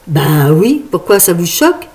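A woman's voice: fairly low pitch, big pitch swings, measured pace, darkish tone, voice pushed down. A woman voicing a teasing young father in an audiobook, light and bantering in tone.

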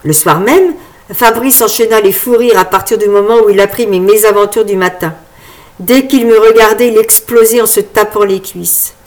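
A woman's voice: mid-range voice, normal speed. Woman narrating a wry first-person novel. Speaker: audiobook narrator.

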